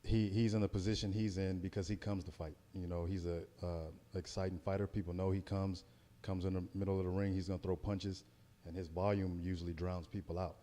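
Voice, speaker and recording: A man's voice: low voice, level tone, a little fast, mellow, in a large hall. An American man, a heavyweight boxer, giving a casual pre-fight interview in a hesitant, circling way. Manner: hesitant, circling, repeats words.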